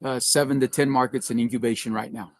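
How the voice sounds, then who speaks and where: A man's voice: medium pitch, fairly even intonation, quick pace, no room sound. A man leading a trade organization, speaking in a matter-of-fact, upbeat way in a casual conversation.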